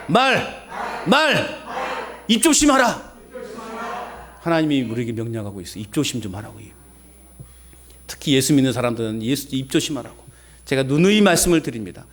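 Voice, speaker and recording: A pastor preaches an animated sermon, posing folksy rhetorical questions and trading call-and-response with the congregation. His pitch is fairly high.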